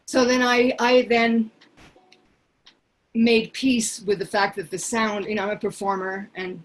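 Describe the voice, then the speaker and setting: A woman's voice: medium pitch, level tone, a little hiss or hum, poor audio. Earnest older woman on a video call. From Peru. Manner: earnest, reflective, pausing often. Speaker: singer sharing a song. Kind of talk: casual video call chat. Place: home living room. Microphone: headset mic on video call.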